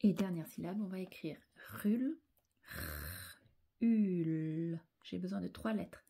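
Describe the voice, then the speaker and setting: A woman teacher guides young children through writing syllables, taking her time over every sound. Her voice is mellow and a little husky, and she often sinks into a soft half-whisper as she spells each letter out. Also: lowish voice, fairly even intonation, a little fast. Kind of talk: handwriting lesson for young children.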